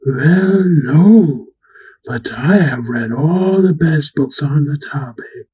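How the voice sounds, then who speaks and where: A woman voicing a timid, polite male monster with a low, breathy voice who breathes through his mouth, in a storybook read-aloud. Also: expressive, slow pace, dark tone, full character voice, rough recording. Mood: polite, gentle. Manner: mouth-breathing, panting, formal.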